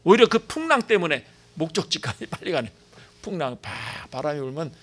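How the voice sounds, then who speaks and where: A man's voice: fairly high pitch, sing-song, fast. A man preaching a sermon as pastor, emphatic and repetitive, asking the congregation rhetorical questions and slipping into casual speech.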